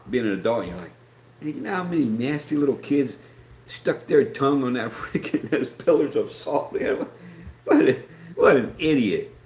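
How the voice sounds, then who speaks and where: This middle-aged man from West Virginia has a mid-range, slightly mellow voice and an Appalachian American accent. Hosting a live stream, he chats casually in a rambling, folksy way and reads viewer comments aloud. The room is echoey, with faint background noise.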